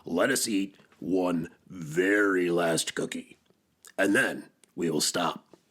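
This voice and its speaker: A man voicing a gruff, anxious, impatient toad in a children's storybook, with blunt, dramatic delivery. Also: low voice, slow pace, fairly bright tone, full character voice. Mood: eager.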